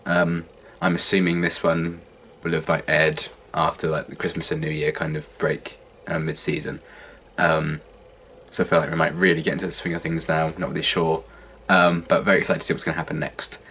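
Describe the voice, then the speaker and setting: A young adult man chats casually with viewers as a reaction vlogger, sounding worn out and hungover. His husky voice is congested from a cold and sore throat, rumbling low yet pushed and bright. He talks briskly in a level tone.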